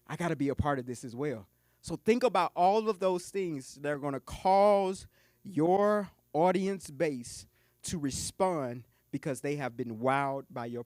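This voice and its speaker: A man's voice: on the high side, a little mellow, no room sound, clean studio sound. A man who coaches businesses, giving a live keynote talk at a conference lunch. He jokes and talks straight to the audience.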